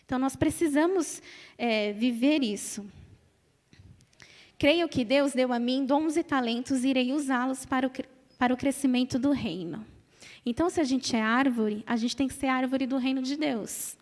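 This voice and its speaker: A Brazilian woman in her thirties preaches an emphatic church sermon with a Brazilian Portuguese accent, repeating phrases and calling on the congregation to answer. Her voice is high-pitched and darkish at a moderate pace, echoing in a reverberant church hall.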